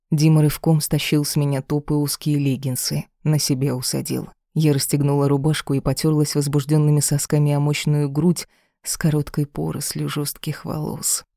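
A woman's voice: sits low, gravelly, dark tone, no room sound, clean studio sound. A woman narrating a first-person story as an audiobook reader, in an emotional, dramatic reading.

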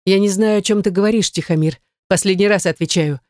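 A woman's voice: fairly low pitch, moderate pace, darkish tone, no echo, clean studio sound, lightly acted. Woman reading as a desperate, furious young heroine. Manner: desperate, indignant, tearful.

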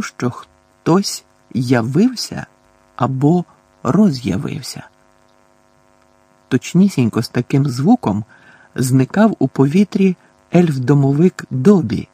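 A man narrating an audiobook in a measured, expressive reading. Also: on the high side, breathy edge, no room sound.

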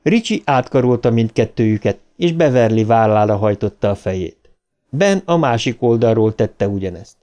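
A man reading a horror novel aloud as an audiobook narrator, measured and dramatic. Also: on the low side, expressive, dark tone. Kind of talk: scripted narration.

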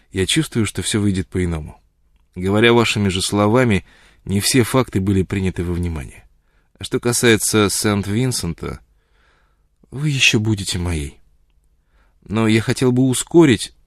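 A man voicing an earnest, restrained young male engineer in an audiobook, speaking in a measured, subdued way. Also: lowish voice, animated, no room sound, studio quality.

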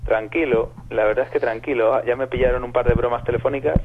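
A man's voice: mid-range voice, fairly even intonation, fast talker, a little hiss or hum. A man from Madrid calling in to a radio show, telling stories in slangy, casual chat with casual swearing, heard over a dull phone line. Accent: Madrid Spanish. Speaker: caller.

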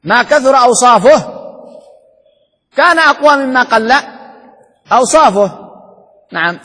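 A man's voice: very high-pitched, expressive, measured pace, a bit bright, husky. A man teaching Islamic jurisprudence in a classroom lecture, who asks rhetorical questions, answers them himself and repeats key points. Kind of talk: classroom lecture explaining a text. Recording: hall reverb.

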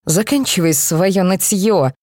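A heartless young mother in an audiobook, curt and dismissive, her tone flat and dark, as a woman narrator puts her on. Dry, close recording. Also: fairly low pitch, slow, no room sound. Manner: cold, dismissive.

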